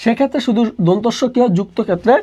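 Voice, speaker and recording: A man's voice: very high voice, rapid-fire, dark tone, slightly rough. A young man, tutoring students for an admission exam. He asks each question again and again and answers it himself, dropping English words into his speech. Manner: repeats each question and answers it himself in a call-and-response drill. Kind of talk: online exam-prep lesson.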